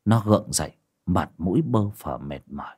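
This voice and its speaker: A man narrating an audiobook story in a measured, expressive way. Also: sits low, husky.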